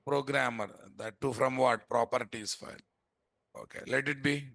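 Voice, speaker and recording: In a clean, dry studio recording, a man with an Indian accent teaches coding live from a computer indoors. His medium-pitched voice stays steady and a bit bright at a normal speed. He often asks rhetorical questions, repeating "what" many times.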